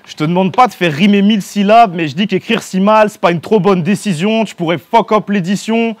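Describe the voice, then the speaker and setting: High-voiced man taunting in a rap battle. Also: brisk, a little hiss or hum. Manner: taunting, sarcastic delivery. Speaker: battle rapper. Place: live event before a crowd.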